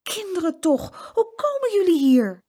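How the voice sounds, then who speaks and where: A woman's voice: mid-range voice, sing-song, brisk, pitched above the performer's own voice. A woman voicing a kindly uncle in a storybook, exclaiming in a fatherly way. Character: kindly uncle, fussing and warm-hearted.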